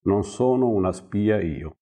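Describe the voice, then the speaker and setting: A proud, defiant young shepherd boy, read by a man in a storybook. The voice stays deep and unhurried, husky and mellow. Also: animated. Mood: secretive. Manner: boastful, defiant. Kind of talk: storybook reading.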